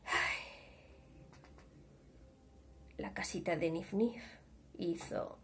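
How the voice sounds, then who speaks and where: A woman with a Spanish accent from Spain telling a fairy tale to young children, chatty and animated, often asking the kids questions. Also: on the low side, extremely slow, noisy background. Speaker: children's storyteller.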